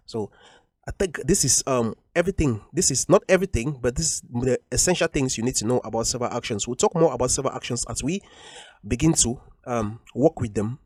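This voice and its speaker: A man's voice: mid-range voice, a little mellow, no echo. A man teaching a coding tutorial over a screen recording, explaining patiently and repeating each point with frequent ums.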